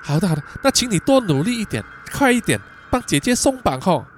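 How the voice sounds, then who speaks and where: A man's voice: high voice, very animated, brisk, slight background noise. Man doing a coaxing young woman captive. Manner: soft, pleading, coaxing.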